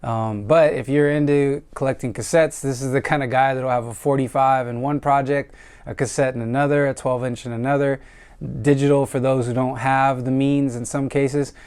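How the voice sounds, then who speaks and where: A man's voice: medium pitch, steady tone, moderate pace, a little mellow, clear, resonant tone. An American man giving a casual, reflective review of a dance track, talking loosely with frequent fillers and the odd swear word. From United States. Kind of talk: casual music review monologue.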